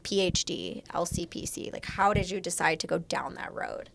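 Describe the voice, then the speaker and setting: A woman's voice: on the low side, normal speed, vocal fry, a bit bright, a little hiss or hum. A woman co-hosting a casual podcast, rambling with lots of fillers. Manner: rambling, filler-heavy talk. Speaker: podcast co-host.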